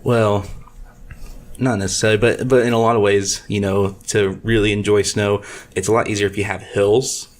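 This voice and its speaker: A man's voice: on the low side, level tone, moderate pace. A man, co-hosting a podcast in casual chat and telling rambling, folksy stories. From Illinois, US. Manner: rambling storyteller, folksy phrasing. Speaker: podcast co-host.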